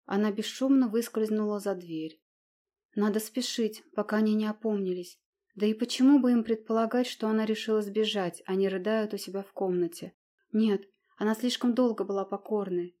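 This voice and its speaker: A woman narrating a historical novel as an audiobook, in an expressive, measured way. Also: medium pitch.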